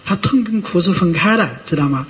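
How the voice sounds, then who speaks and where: A high-pitched male monk delivers a discursive Buddhist sermon. He fills his pauses with drawn-out sounds and keeps asking the listeners whether they follow. The recording is dull and lo-fi and carries a long hall reverb. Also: animated. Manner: discursive, many drawn-out "ah" fillers and rhetorical "you know?" checks.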